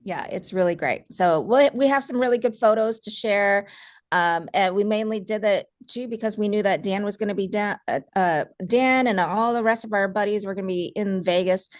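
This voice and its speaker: A woman's voice: medium pitch, moderate pace, no echo. Chatty woman co-host, dry sound. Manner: chatty, laughing, lively retelling. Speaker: podcast co-host, photographer. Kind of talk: casual podcast chat.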